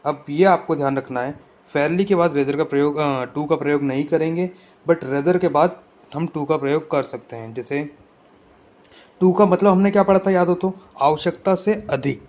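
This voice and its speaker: Man, grammar teacher, exam-prep lesson, slightly raised pitch, patient step-by-step explaining. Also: moderate pace, a little mellow. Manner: explains step by step, often checks with the class.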